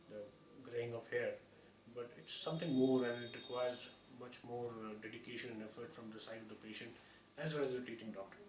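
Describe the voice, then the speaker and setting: A man with an Indian accent giving a formal, explanatory medical talk as a surgeon, with hesitant phrasing. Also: medium pitch. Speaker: orthopedic surgeon. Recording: echoey room, distant mic, clear noise.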